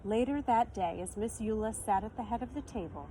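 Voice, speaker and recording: A woman reads a children's picture book aloud a little fast, using a fairly high voice with a dark tone. She is expressive and teacherly, explaining words and questioning her listeners. The audio quality is poor, and faint background noise is present.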